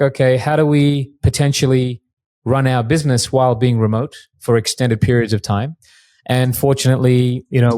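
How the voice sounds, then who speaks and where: Aussie guy in his 40s chatting on a podcast, mid-pitched voice, dry close sound, laid back and rambly. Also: no echo. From Australia. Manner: relaxed storytelling, frequent restarts. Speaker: guest mortgage broker. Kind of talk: casual interview chat.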